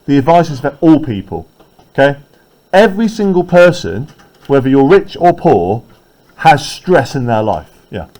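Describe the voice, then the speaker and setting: A man's voice: medium pitch, dark tone, rough recording. A male teacher leading a classroom poetry lesson, talking conversationally and often checking in with tag questions.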